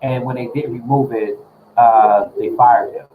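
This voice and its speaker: A man's voice: mid-range voice, fairly even intonation, a little slow, narrow, tinny audio. Rambling male livestream host. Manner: rambling, filler-heavy. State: talking while eating. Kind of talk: casual livestream recap.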